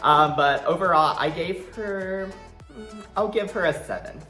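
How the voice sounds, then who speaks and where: A man's voice: high voice, a little slow, sharp tone. A man co-hosting a casual video review, chatting in a sassy, slangy, campy way. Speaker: co-host of drag show review. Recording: roomy echo with music behind.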